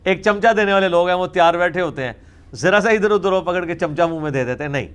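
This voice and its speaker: A man with a Pakistani Urdu accent teaches in a religious question-and-answer lecture, recorded in a studio. His voice sits a bit high for a man, and he explains things emphatically, with wry asides and English words slipped into his talk. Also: lively intonation, fairly bright tone, clear, resonant tone. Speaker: Islamic scholar answering questions.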